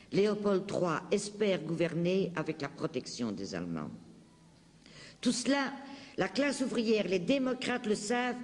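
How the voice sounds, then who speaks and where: A man giving an impassioned political speech in a declamatory, emphatic way with deliberate dramatic phrasing. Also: sits high, darkish tone. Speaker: political speaker. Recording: long hall reverberation.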